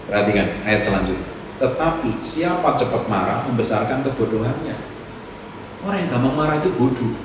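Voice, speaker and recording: A man, a pastor preaching a sermon, swinging from loud exhortation to soft asides. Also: medium pitch, animated, a little fast. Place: church hall. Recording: echoey church hall, distant mic, noisy room.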